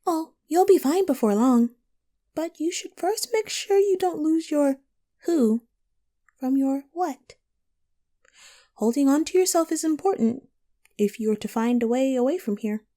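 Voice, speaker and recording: Girl doing a playful riddling wonderland cat lady, high soft mellow voice, takes her time, music behind. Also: expressive. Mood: playfully cryptic. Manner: playful, coy, drawn-out phrasing with whimsical wordplay. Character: teasing, riddling female Cheshire cat of Wonderland. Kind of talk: scripted audio roleplay addressed to the listener.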